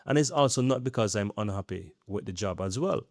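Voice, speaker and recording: A YouTube creator in his thirties speaks earnestly in a casual, rambling talking-head vlog, often checking in with "right?". His fairly low voice has lively intonation and a brisk pace. The studio-quality recording has no echo.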